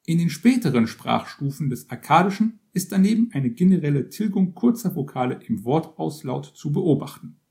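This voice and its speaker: A man reading an encyclopedia-style text aloud as scripted narration, in a measured, list-like way. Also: a little high, lively intonation, vocal fry, a little mellow. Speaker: reader.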